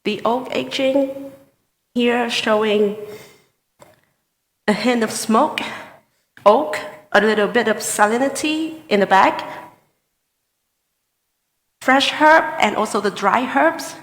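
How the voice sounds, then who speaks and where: A woman giving a formal wine tasting assessment as a competition contestant, deliberate and hesitant, in short phrases with pauses. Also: a little high. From Vietnam. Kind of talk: spoken wine tasting assessment before judges. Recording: echoey hall with long reverb.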